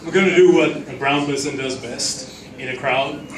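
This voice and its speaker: With a slightly high voice at normal speed, a Singaporean comic works through a crude open-mic stand-up routine packed with profanity. The setting is a small comedy club, and the recording is distant and echoey, picking up the crowd.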